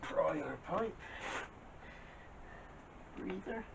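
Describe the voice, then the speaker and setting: Repair vlogger: gravelly, slightly high man, muttering workshop commentary, dull lo-fi audio. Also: animated, drawn-out words. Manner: muttering to himself while working. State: out of breath. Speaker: small engine repairer. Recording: dull lo-fi audio with clear background noise.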